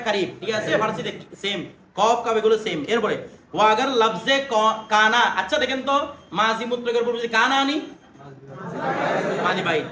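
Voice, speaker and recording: High-voiced male teacher in echoey classroom. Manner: asks students questions and drills pronunciation. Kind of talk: classroom lesson. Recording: echoey room with background noise.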